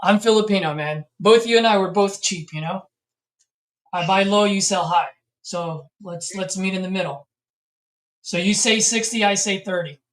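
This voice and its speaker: A man works a sales call as a real estate investor, friendly and joking. He keeps pushing the seller for a quick close and a lower price. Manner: friendly, pushy haggling, jokey.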